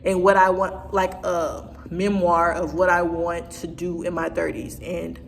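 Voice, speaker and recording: A woman's voice: fairly low pitch, flat delivery, measured pace. A woman in her twenties talking casually to her viewers in a rambling vlog, often restarting and trailing off. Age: 20s. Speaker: vlogger. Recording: distant hall reverb, faint noise.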